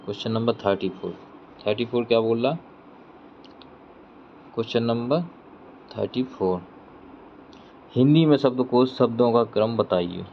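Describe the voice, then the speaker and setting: A man's voice: lowish voice, vocal fry. A man teaching an exam-prep Hindi grammar lesson, who reads each question aloud, repeats it, and then answers it himself step by step. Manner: explains step by step, checking in with "theek hai". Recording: dull lo-fi sound with faint vehicle noise.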